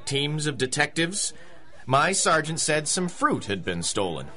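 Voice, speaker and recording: 1930s radio beat cop: earnest, deferential, animated pitch, crisp bright tone. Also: male voice, unhurried, heavily acted. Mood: puzzled, earnest. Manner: polite, dutiful. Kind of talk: 1930s radio adventure acting.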